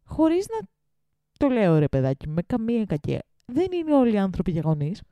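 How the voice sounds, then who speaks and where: An outspoken, fiery woman co-hosting a casual podcast, who swears freely. Her voice is mellow and warm. It is recorded close and dry, with almost no room sound. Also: mid-range voice, huge pitch swings, dry recording. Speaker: podcast co-host.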